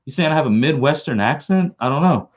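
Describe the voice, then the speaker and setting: With a Long Island accent, a channel host from Long Island, New York rambles on a casual live stream, full of restarts and repeated words. His voice is a little high and animated, at a quick pace, and the sound is lo-fi.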